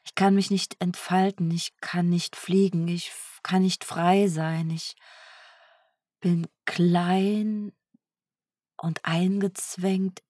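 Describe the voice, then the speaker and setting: A woman speaking softly in an introspective self-dialogue, searching for words and often sinking into a whisper. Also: fairly low pitch, level tone, slow, dry recording, studio quality. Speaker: energy healer.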